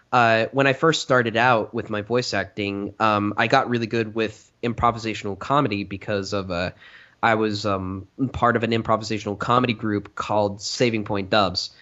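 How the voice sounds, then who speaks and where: A man's voice: fairly low pitch, fairly even intonation, normal speed, a bit bright. Rambling man in a lo-fi interview. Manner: rambling, many fillers and restarts. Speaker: guest, fan filmmaker and voice actor. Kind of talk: casual interview chat.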